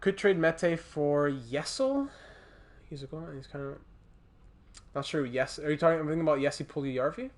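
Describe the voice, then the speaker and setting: A man from Montreal, Canada, with a Montreal accent hosts a hockey video game livestream, chatting casually and commenting on the game. His voice is fairly high and animated as he thinks aloud haltingly, breaking off to reply to viewers in chat.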